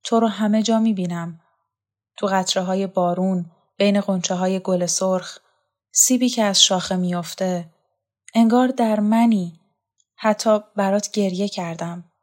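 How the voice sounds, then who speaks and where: A woman's voice: mid-range voice, a little mellow, close to an everyday voice. A woman voicing a yearning, fervent young man in love, with an earnest, pleading delivery in a storybook reading.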